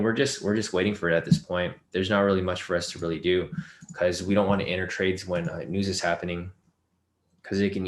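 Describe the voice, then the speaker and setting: Hoarse from a full day of sessions, a male webinar host walks loosely through trading charts and viewer chat questions, filling his speech with fillers as his voice gives out. His low pitch has a fairly bright tone, and the sound is roomy.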